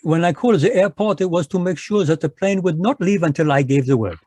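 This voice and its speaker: A man plays a pompous but polite Belgian detective, a fussy and smug middle-aged figure, using a put-on French accent in an old-time radio play. His voice is high-pitched, expressive, and brisk, with a darkish tone. The dry recording comes from a video call microphone.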